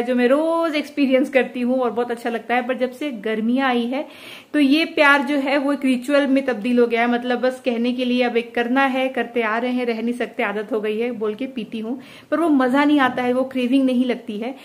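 Young woman vlogging at home, high voice, talks super fast and chatty. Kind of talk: casual home vlog chat.

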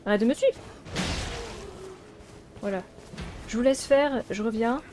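Chatty higher-voiced woman gaming. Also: measured pace, background noise. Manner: chatty, exclaims often, talks to viewers and to game characters. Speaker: gaming streamer. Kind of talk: casual let's play commentary. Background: game music.

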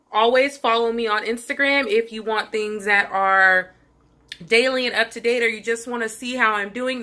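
A woman's voice: a little high, bright, forceful tone. A young woman casually talking viewers through her meal prep in a chatty, direct way. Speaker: vlogger. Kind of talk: casual cooking vlog.

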